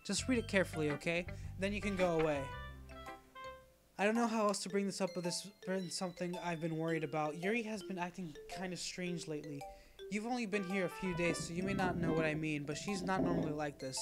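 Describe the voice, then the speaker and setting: A man's voice: high-pitched, fast talker, over music, natural voice. A man reading aloud a worried teenage girl's note in a visual novel, pleading and anxious. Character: worried, prickly teenage girl writing a note.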